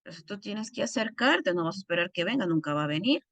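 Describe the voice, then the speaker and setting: A woman's voice: lowish voice, expressive, fast, a bit bright, no room sound. A middle-aged woman teaching a recorded Bible course, speaking earnestly and directly to her listeners.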